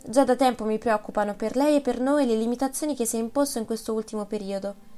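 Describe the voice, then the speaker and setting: A woman reading the part of an earnest young woman who pleads gently but firmly. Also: fairly high pitch, fast, faint music behind, close to an everyday voice.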